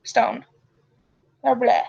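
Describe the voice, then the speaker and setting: A woman's voice: extremely slow, darkish tone. A woman storyteller reading a first-person tale aloud on a dull, lo-fi microphone. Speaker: storyteller and show host.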